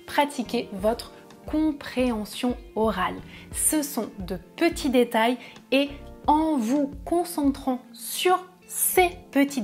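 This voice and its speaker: A woman from France, a French teacher, explaining pronunciation slowly and carefully in a lesson. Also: on the high side.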